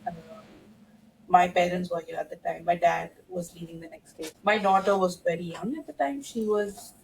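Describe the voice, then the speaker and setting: A woman's voice: on the low side, normal speed, creaky, a little mellow, slight background noise, poor audio. A woman in her thirties, a podcast guest from India, telling a story in casual conversation and laughing now and then.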